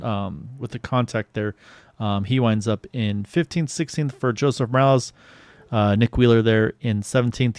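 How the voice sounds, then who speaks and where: A man's voice: on the low side, clear, resonant tone, dry recording. A man calls an online sim race lap by lap, and his voice climbs whenever the cars get close. His mid-range voice sounds dry and close to the mic, with almost no room around it. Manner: excited, rising with the action. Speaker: play-by-play commentator. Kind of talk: sim racing commentary.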